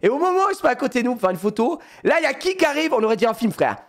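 A man telling his viewers a holiday story in a casual, animated way, with lots of fillers. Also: very high-pitched, very fast. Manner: animated, many fillers, addresses viewers directly.

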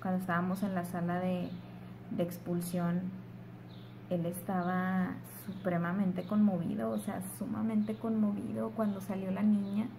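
A young woman talks straight to her vlog audience, recounting her baby's birth with emotion. Her voice is warm and mellow, and a faint hum of the room sits behind it. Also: medium pitch, measured pace, vocal fry, low-quality recording. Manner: emotional, animated retelling with voiced quotes; soft, hushed voice while holding her sleeping baby. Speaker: vlogger. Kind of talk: casual storytelling to camera.

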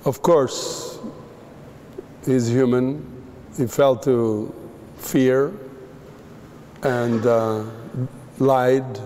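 A man from the Middle East preaching a sermon in a measured, emphatic way, with pauses between phrases. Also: mid-range voice, mellow, long reverb tail, slight background noise.

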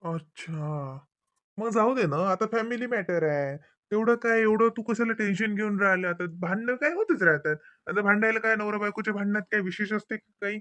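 A man's voice: sits high, a little fast, sharp tone, no room sound. A man plays an easygoing husband in a domestic comedy skit. He waves off worries in a soothing, dismissive tone, and his voice sounds dry and close to the mic. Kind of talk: scripted domestic comedy dialogue.

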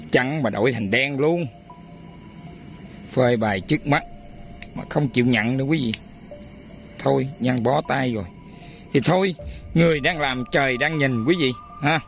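A man who hosts a spiritual channel, talking casually and often calling out to viewers, then chanting a prayer. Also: mid-range voice. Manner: chatty, complaining, addresses viewers often.

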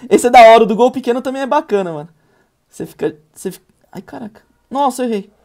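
A man in his thirties with a Brazilian accent, hosting casual, excited gameplay commentary in a slangy, jokey way with frequent exclamations. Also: extremely high pitch, fast talker, gravelly. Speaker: gaming video host. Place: small indoor room.

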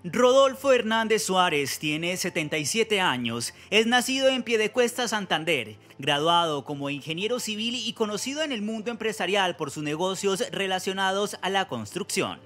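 A man narrates a news profile in a formal, measured voice-over. His voice sits high, with faint music under it. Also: lively intonation, a bit bright.

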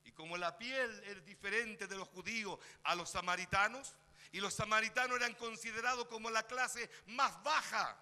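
Fervent high-voiced Chilean preacher. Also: male voice, normal speed, long reverb tail. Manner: fervent preaching that rises to shouts and calls on the congregation. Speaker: pastor. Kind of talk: Spanish-language sermon. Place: church sanctuary.

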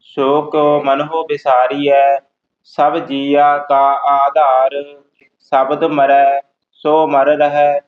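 Man chanting scripture in a flat monotone. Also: medium pitch. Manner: very slow, monotone, measured reading. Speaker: student reciter. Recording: tinny phone-like audio.

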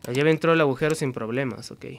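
A man's voice: medium pitch, quick pace. A young man with a Mexican accent commenting on a horror game, swearing constantly and talking to himself. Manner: profane, talks to himself, bursts into frightened yelling. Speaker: gameplay commentator.

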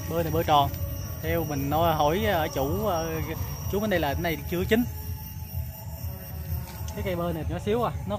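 A man in his thirties with a Southern Vietnamese accent, chatting to viewers as he walks through a farm garden, filming himself with a phone held at arm's length and pausing often on fillers. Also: fairly high pitch. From Mekong Delta, Vietnam. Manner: chatty, many filler pauses, addresses viewers. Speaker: vlogger. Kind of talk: casual walking tour vlog. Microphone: phone camera held at arm's length.

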